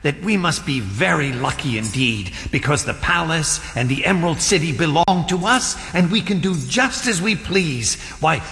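A man playing a cheerful living Scarecrow newly made king in an audio drama, with a folksy, excitable, musing manner. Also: a little high, normal speed, hardly any pauses. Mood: pleased, musing. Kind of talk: theatrical audio drama acting. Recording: long hall reverb, music behind.

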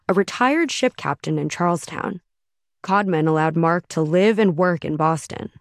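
A woman reporter narrating a radio feature story in a steady, measured way. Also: lowish voice, no echo, studio quality.

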